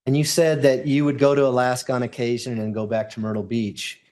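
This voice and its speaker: A man's voice: mid-range voice, little pitch movement, a little fast, darkish tone. Man lawyer in courtroom questioning. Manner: formal, step-by-step questions.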